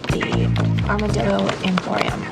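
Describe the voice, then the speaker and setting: An actress playing a bookish teenage girl reporter with a dry, deadpan, quick-witted delivery. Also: mid-range voice, creaky, full character voice. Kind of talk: TV comedy-drama acting. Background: music.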